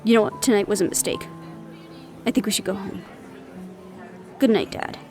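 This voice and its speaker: In an audio roleplay, a woman voices a young adult daughter who is defiant, loyal and argumentative, with an emotional, sarcastic edge. She sounds hurt yet resolute, her mid-range voice close to an everyday one, a bit dark in tone and at normal speed. Faint music plays behind her.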